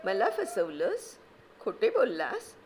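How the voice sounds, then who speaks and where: A woman's voice: mid-range voice, wildly swooping pitch, slight background noise. A woman reading aloud, voicing a stern but loving village mother who scolds firmly. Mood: scolding. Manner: firm, scolding, measured.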